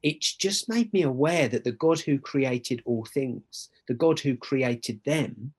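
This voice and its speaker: Slow and a little mellow, with a slightly rough quality, this mid-range male voice belongs to a middle-aged Essex man. He's a church worker and podcast guest, telling personal stories in a conversational way. He speaks earnestly and emphatically, regularly checking in with "right?".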